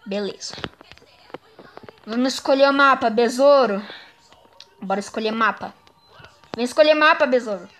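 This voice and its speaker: A young woman with a Brazilian Portuguese accent giving excitable, playful let's-play commentary, teasing and squealing as she plays. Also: on the high side, moderate pace, long pauses, soft background music. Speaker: gaming YouTuber.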